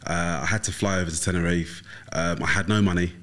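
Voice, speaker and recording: A man's voice: low voice, fairly even intonation, fast talker, fairly bright tone. A man with an Essex accent telling stories casually as an interview guest, hesitant and often repeating words. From Essex, England. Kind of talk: casual conversational storytelling. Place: studio.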